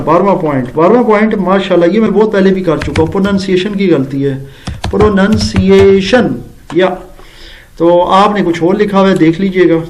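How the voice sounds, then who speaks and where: Sarcastic higher-voiced Pakistani man reviewing. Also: darkish tone, poor audio. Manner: slow, deliberate English words and spelling out mistakes; sarcastic asides. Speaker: education channel host and teacher. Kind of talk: critical review vlog.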